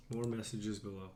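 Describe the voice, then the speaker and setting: A man's voice: mid-range voice, creaky, a bit bright, a little hiss or hum. A young man chats casually to his viewers while live-streaming a card game from a room at home. He is a little sick and his voice is starting to go. His talk is loose, self-deprecating and aimed straight at his chat. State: slightly sick, losing voice.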